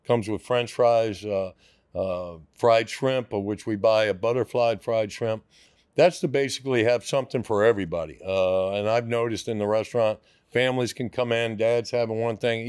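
Smooth low-voiced man in his sixties. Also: a little mellow, no room sound, clean studio sound. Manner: rambling, hesitant with many fillers. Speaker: restaurant owner. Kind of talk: casual interview. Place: podcast studio. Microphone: studio mic on boom arm.

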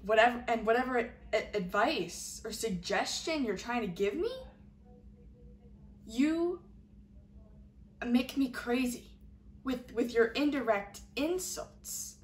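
Casting: hurt, fed-up young woman played by an actress, dramatic monologue, halting sarcasm, unhurried, roomy recording. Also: fairly high pitch, lively intonation. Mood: indignant, fed up. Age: young adult. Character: hurt, indignant young woman confronting someone who belittles her. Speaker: actor performing a monologue. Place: small indoor room before a curtain. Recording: echoey room, faint background hiss.

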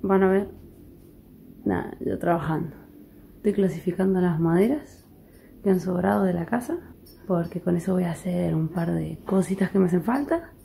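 A woman's voice: on the low side, fairly even intonation, moderate pace, gravelly, long pauses, mellow, a little hiss or hum. Sick young woman half-whispering. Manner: chatty, often half-whispering, sweet-talks dogs. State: ill, voice low and weak. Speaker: vlogger. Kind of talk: casual vlog narration. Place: rural house, partly outdoors.

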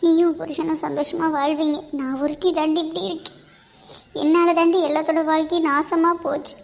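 In amateur cartoon voice acting, a woman plays a remorseful young pregnant wife, sounding tearful, pleading and full of self-blame. Her voice sits high and is creaky, with a level tone and a brisk delivery.

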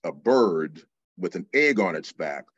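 Deep-voiced older man explaining history. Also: lively intonation, fairly bright tone, husky, no echo, lo-fi sound. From California. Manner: measured, explanatory, many fillers. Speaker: guest teacher. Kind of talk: interview answers.

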